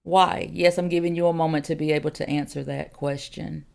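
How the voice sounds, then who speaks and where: Gravelly-voiced woman in her forties teaching. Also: sits low, fairly even intonation, brisk, darkish tone. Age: 40s. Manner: earnest, direct, many "um"s and repeated questions. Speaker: elder teaching on singleness. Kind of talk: podcast teaching talk.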